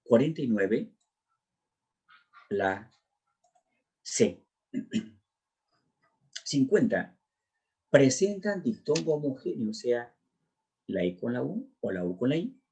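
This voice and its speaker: A man's voice: mid-range voice, very animated, takes it slowly, gravelly, pauses often, a little mellow, breathy edge. A man teaching a pre-university exam class, working through language questions one by one in a drilling lecture style. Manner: drilling, walks through answers step by step.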